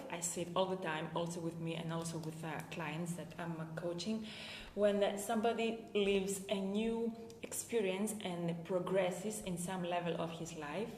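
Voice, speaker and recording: Slight background noise and a long, echoing reverb surround a fairly low-pitched woman's voice. She's a performance coach from Greece addressing viewers live in English with a Greek accent, and her speech is halting and full of fillers.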